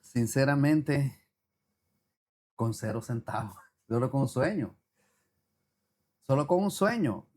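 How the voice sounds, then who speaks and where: Slow and expressive, this entrepreneur's medium-pitched, darkish voice is broken by long pauses. As an interview guest he talks earnestly, repeating phrases and quoting the Bible in a casual chat with preacherly flourishes.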